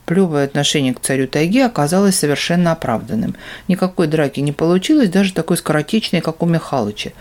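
A man's voice: a little high, lively intonation, fast, few pauses, darkish tone. Man reading a wry fantasy audiobook. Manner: wry, dry storytelling. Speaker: narrator. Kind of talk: audiobook narration.

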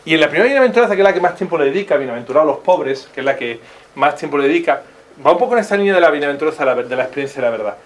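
A man's voice: fairly high pitch, racing. A man with a Spanish accent teaching a religious class informally, full of rhetorical questions and acted-out voices. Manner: animated, asks many rhetorical questions, acts out quoted voices. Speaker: catechist.

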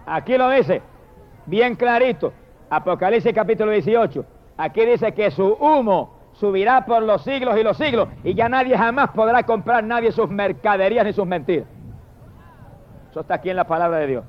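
A Puerto Rican evangelist preacher with a high, expressive voice delivers a fiery sermon in Puerto Rican Spanish. He dramatically shouts drawn-out hallelujahs, then drops to murmured prayers. The lo-fi tape recording sounds dull.

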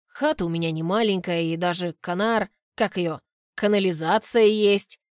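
A woman voicing a calm, easygoing young man in an audiobook, speaking low and relaxed. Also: normal speed, dry recording, studio quality, close to an everyday voice.

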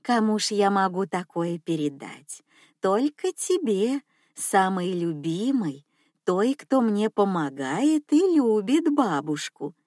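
A woman's voice: medium pitch, sing-song, darkish tone, no echo, clean studio sound. A woman voicing a sugary scheming grandmother. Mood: cooing. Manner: slow, cooing and sugary. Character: scheming old grandmother, sweet-voiced and manipulative.

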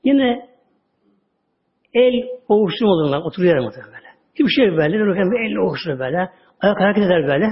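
A man giving a religious talk, telling stories with drawn-out words and sudden drops to a low voice. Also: expressive. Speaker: religious teacher. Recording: dull lo-fi audio recording.

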